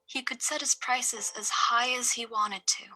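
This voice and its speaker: A woman reading a folk tale aloud at a steady, measured pace. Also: a little high, low-quality recording. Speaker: storyteller.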